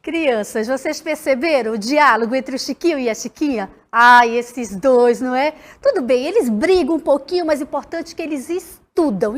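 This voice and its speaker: A woman primary school teacher, giving a recorded lesson to children in an animated, sing-song way and addressing them directly. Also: sits high.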